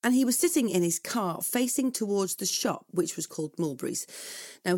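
A woman co-hosting a news podcast, recounting events in a clear, steady, scripted way. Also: lowish voice. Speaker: podcast co-host and reporter.

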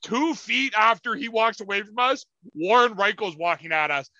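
A man's voice: sits high, normal speed, no room sound, lo-fi sound. A young man telling a rowdy, profane story as a podcast co-host over a video call. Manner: animated, profane, acts out quotes in loud voices. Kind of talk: casual storytelling chat.

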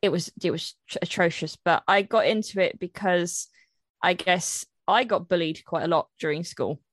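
A woman's voice: fairly low pitch, normal speed, no room sound, clean studio sound. A young woman chatting candidly on a podcast as a cosplayer guest, laughing easily. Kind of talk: casual podcast chat.

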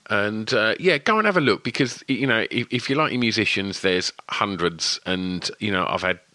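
Essex guy w a lisp doing a chatty podcast intro, rambles on, bright and forward voice. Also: on the low side, dry recording. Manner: rambling, wittering delivery. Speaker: podcast host.

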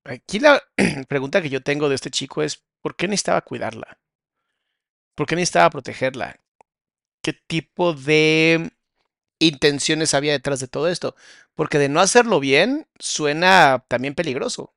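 A man's voice: fairly high pitch, moderate pace, gravelly, fairly bright tone, no room sound, clean studio sound. A man, a therapist host, commenting between clips and giving listeners direct advice.

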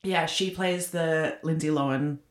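A woman's voice: deep voice, fairly even intonation, unhurried. A woman in her thirties, co-hosting a podcast in a casual, rambling chat full of likes and ums. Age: 30s. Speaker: podcast co-host. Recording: echoey room.

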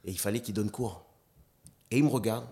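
Lively lower-voiced man telling stories. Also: fairly quick. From New Caledonia. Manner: animated storyteller, acts out quotes, stammers on restarts. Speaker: dancer and slam artist, guest. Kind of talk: casual interview chat.

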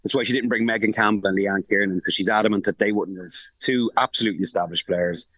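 A man reporting on football for a podcast, his words tumbling out at high speed with frequent restarts and fillers. His voice sits low, and the recording is dry and close. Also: no room sound, poor audio. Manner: rapid, animated, full of restarts and fillers. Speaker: sports journalist reporting from the tournament. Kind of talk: casual podcast analysis. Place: remote link from abroad.

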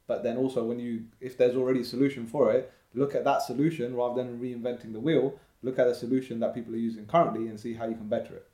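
A man's voice: mid-range voice, little pitch movement, quick pace, hardly any pauses, dark tone. Earnest motivational man in his thirties. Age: 30s. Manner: earnest, motivational, advice-giving. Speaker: podcast guest. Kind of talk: casual podcast conversation. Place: indoor room with bookshelf. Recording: roomy echo.

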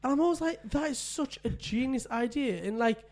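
A man with a brisk, somewhat dark voice co-hosts a podcast, telling a parenting story in relaxed conversation and laughing often. He mentions that his voice is deep.

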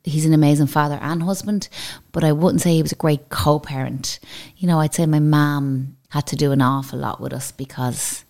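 A Dublin Irish woman with a notably low voice, talking as a guest in a relaxed interview. She rambles easily from one memory to the next in a chatty way. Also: moderate pace. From Dublin, Ireland. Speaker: podcast guest, salon owner. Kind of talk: casual interview chat.

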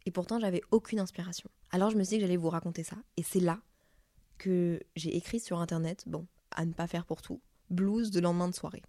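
Candid French woman with a dark voice. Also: fairly low pitch, fairly even intonation, fairly quick, no room sound, studio quality. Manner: chatty, candid, swears freely. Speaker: podcast host. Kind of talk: casual confessional podcast monologue.

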